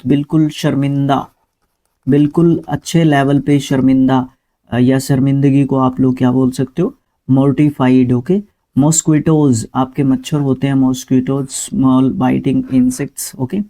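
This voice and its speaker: A man teaching English vocabulary in an unhurried, explanatory way, moving between Hindi and Indian-accented English. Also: mid-range voice, warm tone. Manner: explains each word slowly, mixing Hindi and English. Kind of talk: spelling and vocabulary lesson.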